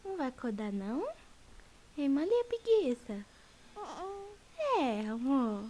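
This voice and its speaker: Woman, mother, high voice, slow coaxing baby talk, lilting. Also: sing-song, warm tone. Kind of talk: home video baby talk.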